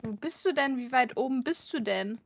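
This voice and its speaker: Woman streamer, higher gravelly voice, frustrated casual banter while gaming. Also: lively intonation, moderate pace. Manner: exasperated, swearing, laughing.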